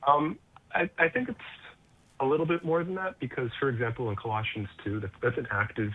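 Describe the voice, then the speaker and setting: Over a tinny phone line, a caller from Connecticut, USA, poses his question, his scholarly phrasing broken up by hesitation and plenty of fillers. He speaks briskly in a mid-range voice.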